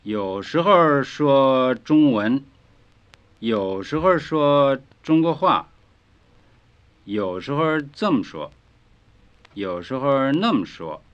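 A man teaching a scripted language lesson, speaking in slow, carefully enunciated drill phrases, on a dull lo-fi 1950s record. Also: medium pitch, very animated, fairly bright tone.

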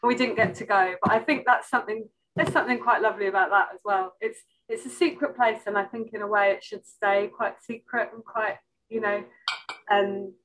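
Speaking fairly quickly, a woman from an island joins an informal exhibition panel as a curator over a video call from an indoor room, hesitantly hunting for words. Her mid-range voice is fairly even and a bit bright. The audio is poor, with a little hiss or hum.

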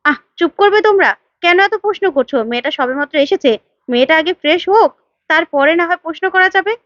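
A woman's voice: high-pitched, fast talker, a bit bright, no echo, dull audio. Protective middle-aged father, defensive, pleading, voiced by a woman narrator. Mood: indignant.

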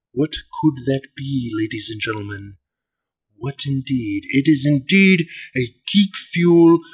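A man putting on a polite, earnest golf commentator, giving measured, deliberate mock sports commentary. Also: medium pitch. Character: mock golf announcer, male, polite, earnest, calling an unboxing.

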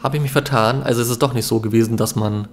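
A man's voice: mid-range voice, fairly even intonation, quick pace, slight background noise. A young man giving casual let's play commentary in a laid-back, musing way. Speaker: let's player. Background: game ambience.

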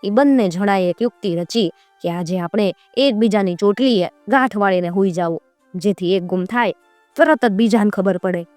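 A woman, narrating a folk tale in a steady, plain storytelling way. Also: mid-range voice, no echo.

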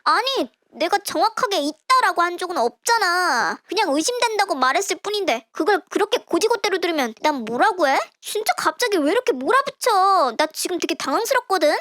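A petulant, selfish sister-in-law, voiced by a woman, with a very high, bright voice that swoops up and down. She whines and turns defensive at every turn. The sound is dry and close. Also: very animated, brisk, few pauses, dry recording, exaggerated voice. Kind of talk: dramatized story voice acting.

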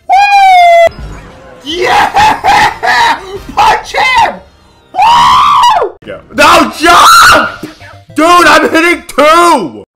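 A young man streaming games, shrieking in a high voice that leaps wildly. He reacts in incredulous, sweary bursts, drawing out his words, with loud game music behind him. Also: wildly swooping pitch, very slow, creaky. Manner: screaming, incredulous, sweary outbursts. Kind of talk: excitable live gaming reactions. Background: video game music.

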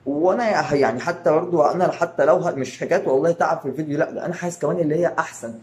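A man's voice: on the high side, racing, a little mellow, slight background noise. A man with an Egyptian Arabic accent, hosting his own channel and talking to his viewers in a rambling way, with many fillers and restarts. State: tired. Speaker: YouTube channel host. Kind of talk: casual channel update to viewers.

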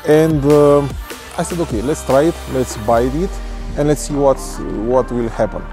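A man's voice: medium pitch, fairly even intonation, normal speed, music in the background. A man in his thirties, a vlogger, hesitantly reviewing skis outdoors at the foot of a ski slope, speaking with many fillers and restarts to a camera at medium distance. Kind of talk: casual product review vlog. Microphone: camera on a tripod at medium distance.

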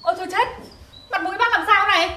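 A woman's voice: very high-pitched, fast talker, sharp tone, full character voice. A woman playing a village mother who politely begs an official's wife to help her son. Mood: pleading. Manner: pleading, deferential.

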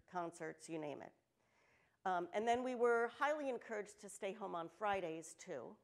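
An older woman from New Jersey, United States, gives a storytelling keynote on the stage of a large auditorium before an audience. Her mid-range voice comes across candid and lively, and she drops in joking asides.

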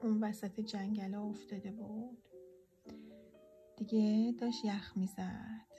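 A woman reading a children's storybook aloud in a gentle, often half-whispered voice. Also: medium pitch, little pitch movement. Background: soft instrumental music.

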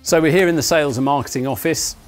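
A man, a company founder walking viewers through his offices and factory, explaining things in a measured way with frequent "uh" fillers. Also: fairly high pitch. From England. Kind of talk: guided walking tour presentation. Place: large indoor offices and factory floor. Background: faint music.

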